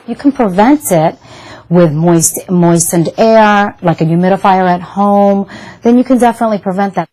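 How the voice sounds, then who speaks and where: A woman physician explaining medical advice in a news interview, in a medium-pitched voice. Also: moderate pace, mellow, poor audio.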